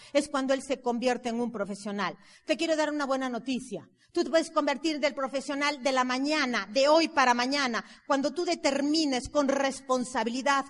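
A woman giving a motivational seminar talk on network marketing, emphatic and building up with repeated phrases. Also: sits high. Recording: long hall reverb from a live talk.

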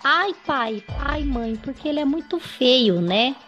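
A woman's voice: sits high, animated, slow pace, fairly bright tone, dull audio, soft background music, heavily acted. A woman voicing a frightened little girl who screams in panic. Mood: pleading. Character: scared little girl, shrieking at a frog.

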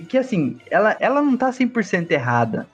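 A man's voice: sits high, sing-song, fairly quick, breathy edge. A young Brazilian man hosting a podcast, telling stories in casual, slangy chat with lots of animation. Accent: Brazilian Portuguese. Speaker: podcast host. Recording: dull lo-fi sound with faint music.

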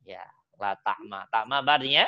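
A man teaching an online Quran study lesson over a video call. He drills his students with questions and gets emphatic, almost shouting on key points. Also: lowish voice, brisk, creaky, dull audio.

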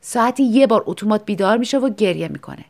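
A woman narrating a scripted story in an expressive, lively way. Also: mid-range voice.

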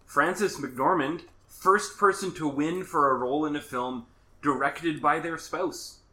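A man from Minnesota hosts a casual podcast chat with a bright, forward tone. He talks chattily, full of quick asides and self-corrections. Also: on the high side. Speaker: podcast host.

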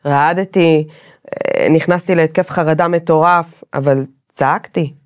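A woman's voice: deep voice, fairly even intonation, a little mellow. Candid young woman interviewer. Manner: open, candid, laughs easily, confiding. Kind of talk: casual personal chat.

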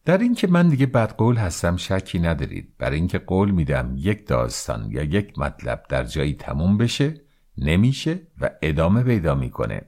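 Male podcast storyteller, conversational, low voice, animated delivery. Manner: conversational, with personal asides. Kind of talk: podcast storytelling in modern retelling.

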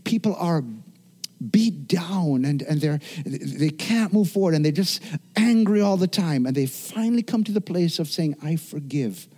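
A man's voice: high-pitched, animated, moderate pace, dark tone. A middle-aged man preaching a sermon as pastor, earnest, often restarting and repeating words.

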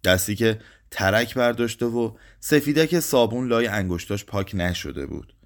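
A man's voice: lowish voice, animated. Somber male literary narrator. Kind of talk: literary audiobook reading.

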